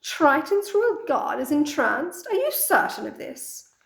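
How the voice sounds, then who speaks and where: A woman voicing a beautiful, menacing female sea witch who speaks slowly and imperiously in a storybook. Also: sits high, very animated, gravelly, mellow, reverberant, pitched above the performer's own voice, exaggerated voice. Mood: excited. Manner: slow, imperious, commanding.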